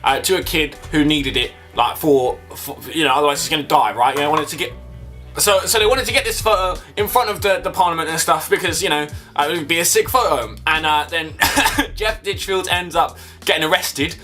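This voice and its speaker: A man's voice: fairly high pitch, fairly quick, bright, forceful tone, soft background music. A young man chatting casually to camera, telling a rambling, sweary story. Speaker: vlogger.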